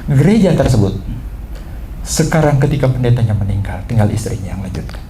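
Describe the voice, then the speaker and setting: A man preaching a sermon as pastor, swinging from low asides to high emphatic outbursts. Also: expressive, brisk. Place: church. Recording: echoey church hall, faint room noise.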